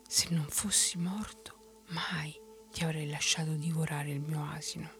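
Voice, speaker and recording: A woman's voice: low-pitched, steady tone, a little slow, faint music behind. A woman whispering as a gullible peddler man. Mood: lamenting. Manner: soft unvoiced whisper. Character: gullible male peddler with a donkey. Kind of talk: whispered role-play.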